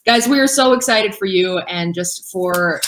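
A woman co-hosting a business webinar in a casual, excited, upbeat way. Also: medium pitch, a little slow, background noise. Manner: excited, upbeat, says she is yelling. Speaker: webinar co-host.

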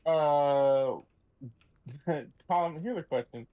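Mellow-voiced playful male gaming buddy. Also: a little high, drawn-out words, smooth. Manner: playful, teasing, deadpan jokes. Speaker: co-op gaming guest. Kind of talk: casual chat while playing a modded game.

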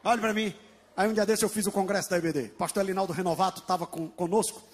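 High-voiced, fiery Brazilian pastor preaching. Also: male voice, fairly even intonation, quick pace, husky. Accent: Brazilian Portuguese. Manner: shouts and sings out key phrases. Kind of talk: impassioned Pentecostal sermon.

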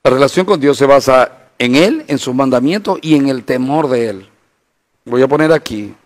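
A male pastor, preaching a Bible study in an animated way, acting out imagined voices and asking the listeners rhetorical questions. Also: medium pitch, normal speed.

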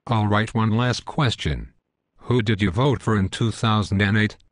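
A man's voice: fairly low pitch, normal speed, no room sound, clean studio sound, close to an everyday voice. A synthetic male voice playing a smug, belligerent parody news anchor in a scripted cartoon newscast, stiff and pompous. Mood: accusing.

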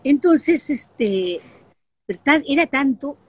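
An older woman with a Peruvian Spanish accent, a guest telling lively stories in a casual interview with plenty of fillers. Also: high voice, takes it slowly. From Peru. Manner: lively storyteller, frequent fillers. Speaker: guest, actress and broadcaster. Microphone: video call.

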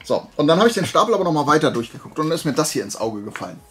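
Very animated and very fast, a man with a fairly high voice hosts a flea market haul video. He chats casually and colloquially through the show-and-tell, an excited collector throwing out questions to himself.

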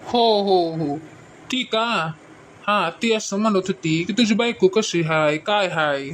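A woman's voice: mid-range voice, slow pace, slight background noise, natural voice. A woman playing a sheepish, stammering husband. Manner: hesitant, stammering, placating. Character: bumbling middle-aged husband, sheepish and evasive. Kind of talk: comic skit acting.

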